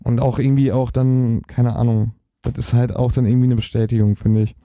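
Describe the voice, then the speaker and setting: Young german guy rambling on a podcast, really dark voice, dry sound. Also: mid-range voice, little pitch movement, brisk, dry recording, lo-fi sound. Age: young adult. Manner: rambling, searches for words, many fillers. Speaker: guest, hobby DJ. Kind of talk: casual podcast interview.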